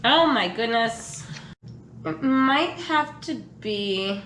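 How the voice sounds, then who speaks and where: A woman co-hosting a casual question game, chatty and thinking aloud with frequent pauses. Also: fairly high pitch, lively intonation, a bit bright. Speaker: channel co-host answering questions. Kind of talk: casual chat. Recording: echoey room with faint noise.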